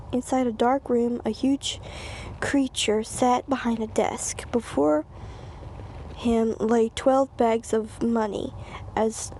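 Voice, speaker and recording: A woman's voice: fairly high pitch, warm tone, slight background noise, poor audio. A woman reading a children's storybook aloud, stumbling and repeating phrases, with casual asides. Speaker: reader.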